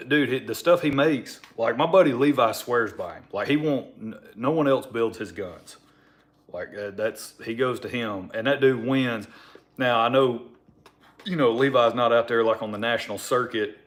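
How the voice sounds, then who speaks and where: Man, fairly low pitch, mumbled marbles-in-mouth diction, rambling, informal livestream chat. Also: fairly bright tone. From Alabama, United States. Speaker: livestream host.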